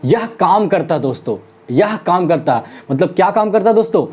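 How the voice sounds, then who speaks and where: Lesson teacher, mellow dark voice, mid pitch; friendly address to viewers, self-answered questions, slow word-by-word example drills. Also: animated, slightly rough. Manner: repeats English example sentences slowly, word by word. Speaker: spoken English teacher. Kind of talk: online classroom lesson.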